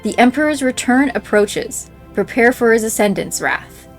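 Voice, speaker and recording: With game music in the background, a playthrough creator narrates written in-game messages from a script. She speaks at a moderate pace in a slightly high voice with lively intonation.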